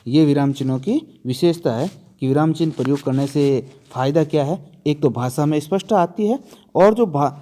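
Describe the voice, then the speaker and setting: A slightly high, warm male voice leads a grammar lesson aimed at an exam. He asks his students questions and answers them on his own, stressing the key terms and going over them again.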